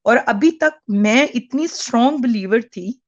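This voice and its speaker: A woman's voice: fairly high pitch, expressive, unhurried, no echo, muffled recording. A woman in her forties phoning in as a caller over a call line, speaking earnestly with frequent hesitations and restarts. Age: 40s. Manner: hesitant, with many fillers and restarts.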